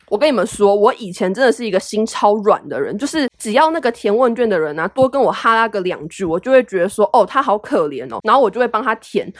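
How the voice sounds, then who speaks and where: A woman's voice: on the high side, no echo, studio quality. A young woman with a Taiwanese Mandarin accent hosting a casual solo podcast, chatty and blunt, with slangy swearing. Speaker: podcast host.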